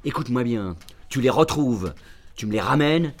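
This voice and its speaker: An actor playing an irascible, sarcastic, foul-mouthed agent barking orders over the phone in a radio drama. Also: male voice, mid-range voice, animated, moderate pace, natural voice. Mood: furious. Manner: sarcastic, bullying, blunt. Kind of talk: radio drama acting, phone-call monologue.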